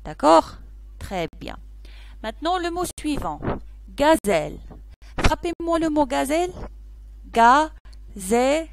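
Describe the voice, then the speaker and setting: A woman teaching young children a lesson, who repeats each word slowly and keeps asking whether they follow. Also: high-pitched, very animated, gravelly, background noise. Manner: slow, repeats words, asks "d'accord?" often.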